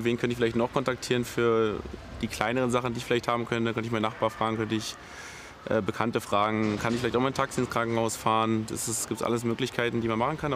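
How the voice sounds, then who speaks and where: A man's voice: mid-range voice, a bit bright. Firefighter in his thirties, street noise. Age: 30s. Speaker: firefighter paramedic. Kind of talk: interview and on-duty talk. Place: outdoors on a city street by an ambulance. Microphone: lapel mic.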